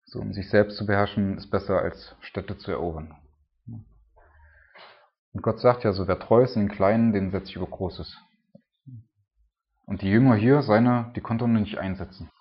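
A man with a fairly low voice preaches in a loose, chatty manner, tagging almost every thought with a questioning "right?". The recording sounds dull and lo-fi. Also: normal speed, pauses often. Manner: informal, tags nearly every sentence with a questioning "ne?". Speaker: preacher and church planter. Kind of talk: casual conversational preaching.

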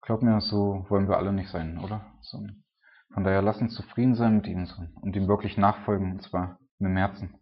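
On a dull, lo-fi recording, a man with a fairly low voice preaches conversationally with fairly even intonation and a slightly fast pace. Nearly every sentence ends with a questioning "ne?", the equivalent of "right?", in his informal, chatty manner. He is a preacher and church planter.

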